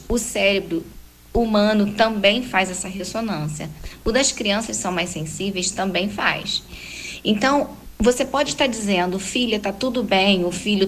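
A woman explaining how to calm and comfort young children, acting out the gentle words a parent would say. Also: mid-range voice, a little hiss or hum, low-quality recording. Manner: warm explanatory, acts out gentle talks with a child. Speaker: parenting guest expert. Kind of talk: conversational advice talk.

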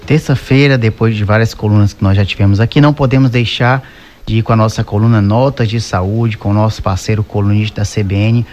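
Lowish-voiced Brazilian male news host. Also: steady tone, fairly quick, a little mellow, soft background music. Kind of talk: live morning news presenting.

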